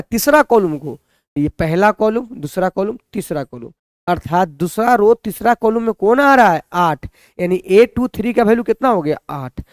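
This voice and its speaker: A man's voice: high voice, darkish tone, no echo, clean studio sound. A man teaching a maths lesson, who keeps asking the students questions and answering them himself.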